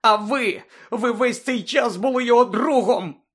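A man's voice: extremely high pitch, normal speed, slightly rough, pitched above the performer's own voice, exaggerated voice. A man playing a furious teenage boy. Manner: shouting, voice cracking with emotion. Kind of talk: audiobook character voice.

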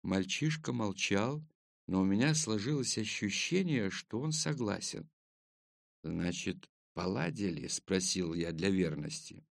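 A man reading a first-person audiobook in a measured, wry storytelling manner. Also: fairly low pitch, vocal fry, no room sound, clean studio sound. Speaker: narrator.

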